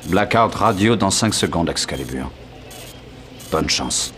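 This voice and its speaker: Low-voiced, composed mission controller. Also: male voice, lively intonation. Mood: composed, official. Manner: measured procedural announcements. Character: formal, composed male mission control operator. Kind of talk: French dub of an action TV series. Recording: loud music over the voice.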